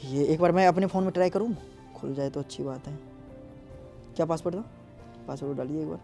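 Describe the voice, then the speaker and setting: A man's voice: fairly high pitch, fairly even intonation, a little fast, gravelly, music in the background. A young man vlogging in casual chat, pleading and consoling, often repeating himself. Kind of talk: casual prank vlog chat.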